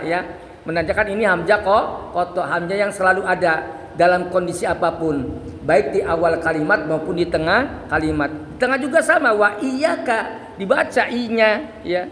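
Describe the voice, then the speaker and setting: A man teaching Quran recitation, explaining the rules briskly and then chanting verses slowly and melodically to demonstrate. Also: sits high, sharp tone. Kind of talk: religious lesson on Quran recitation. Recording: echoey hall with long reverb and faint ambience.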